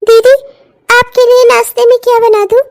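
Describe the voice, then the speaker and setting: A woman's voice: very high voice, little pitch movement, moderate pace. Woman voicing a meek young bride, pleading. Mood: polite. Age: young adult. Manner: soft, pleading and put-upon. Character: meek, newly married young wife. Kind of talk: cartoon voice acting.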